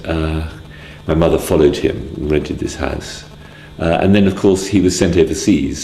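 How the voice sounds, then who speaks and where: A man in his sixties from Wales, recalling his early life in a hesitant way, with many pauses and restarts. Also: a bass voice, mellow, roomy sound. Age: 60s. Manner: hesitant, full of ums and restarts. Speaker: interviewee. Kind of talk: casual spoken memoir.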